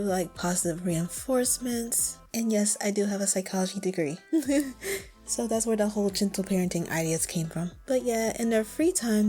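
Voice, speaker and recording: Young woman chatting over her sims build, mellow voice, laughs a lot, faint music behind. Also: mid-range voice. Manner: chatty, candid, laughs often. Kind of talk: relaxed voice-over narration of a game build.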